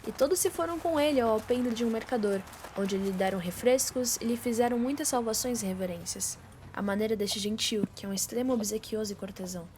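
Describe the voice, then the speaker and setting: A young Brazilian woman, a teenager or young adult, narrates scripted literary text for a student radio drama. Her fairly high voice is a little mellow and a little fast, and faint background noise can be heard.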